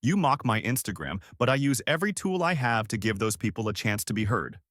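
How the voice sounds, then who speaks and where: A man's voice: big pitch swings, fairly quick, a bit bright, dry recording, studio quality. A man reading as a defiant, dignified young man. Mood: firm. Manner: low, firm and cutting.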